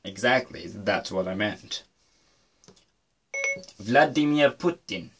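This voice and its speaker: A man's voice: on the low side, animated, takes it slowly. A young man from Denmark, casually reviewing a phone feature and chatting playfully to his viewers. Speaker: tech YouTuber.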